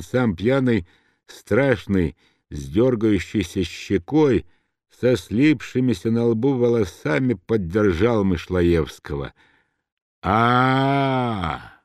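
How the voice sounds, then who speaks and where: A man narrating a novel as an audiobook in an expressive, dramatic reading. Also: on the low side, dry recording, studio quality.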